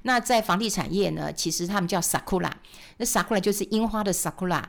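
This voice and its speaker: A woman's voice: medium pitch, fast talker, creaky. A middle-aged woman with a Taiwanese Mandarin accent, hosting a finance show in casual, chatty talk. She laughs often and acts out little scenes as she goes. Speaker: radio finance host.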